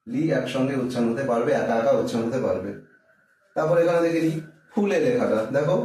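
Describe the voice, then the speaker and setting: A man with a slightly high voice gives a patient reading lesson for children. He sounds out syllables one at a time and answers his own questions. He is recorded some way from the mic in a very echoey room. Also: darkish tone, distant mic. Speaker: teacher.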